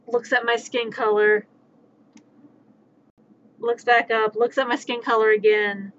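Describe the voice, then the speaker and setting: A woman live streamer chats casually indoors in a joking, playful, sweary way, acting out back-and-forth dialogue; she grew up with American Sign Language and Spanish as her first languages. Her voice is fairly high with little pitch movement, a little slow and fairly bright, captured on a dull lo-fi mic with faint background noise.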